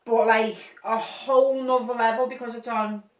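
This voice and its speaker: Podcast co-host, woman, animated and giggly; slightly high voice, mic at a distance. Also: moderate pace. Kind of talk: casual chat. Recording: roomy, from a distance.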